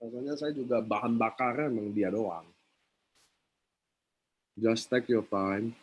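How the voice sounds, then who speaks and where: Male interviewer, husky voice, short encouraging responses. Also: medium pitch, fairly even intonation, a little slow, highs cut off. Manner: brief supportive replies. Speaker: host.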